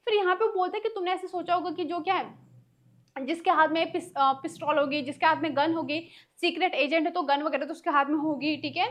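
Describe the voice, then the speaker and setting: High-pitched female tutor explaining a textbook story in a Hindi-English mix, reading slowly and glossing casually. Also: steady tone, a bit bright. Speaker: English teacher.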